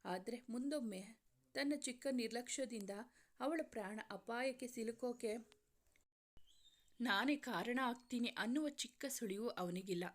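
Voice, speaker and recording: A woman narrating a serialized romance story in a calm, measured storytelling way. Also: a little high.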